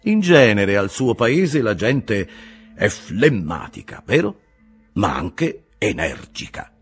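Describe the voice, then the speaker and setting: A man's voice: fairly low pitch, sing-song, slow pace, breathy edge, soft background music, exaggerated voice. A man voicing an eloquent ironic Italian humanist. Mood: ironic, probing. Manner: probing, mildly ironic, emphatic questions. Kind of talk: audiobook reading.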